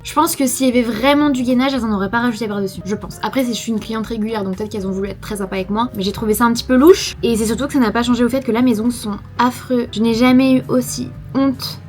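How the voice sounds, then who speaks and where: A woman's voice: fairly high pitch, fairly even intonation, fast, few pauses. A woman in her twenties from France with a French accent and a slight lisp, chatting casually and emphatically in a self-deprecating, talkative vlog style. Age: 20s. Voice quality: slight lisp from dental aligners. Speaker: lifestyle vlogger.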